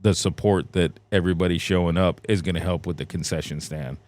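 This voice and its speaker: A man in his forties guest-hosting a podcast, talking in a relaxed, rambling way with lots of fillers. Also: deep voice, brisk. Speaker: guest host. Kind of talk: casual podcast chat.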